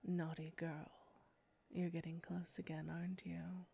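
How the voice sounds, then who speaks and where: A woman voicing a seductive, predatory female succubus in an audio roleplay, speaking in a breathy whisper with a slow, taunting manner. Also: on the low side, level tone, warm tone, a little hiss or hum. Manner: slow, taunting, close to the ear.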